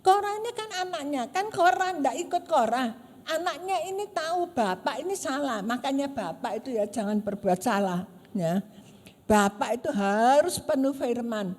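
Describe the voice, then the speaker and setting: A woman pastor preaches in a high, mellow voice. She tells stories with animated energy and acts out the voices of the people in them. Her voice carries a long church-hall reverb. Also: normal speed. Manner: animated storytelling, acting out quoted voices. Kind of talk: sermon.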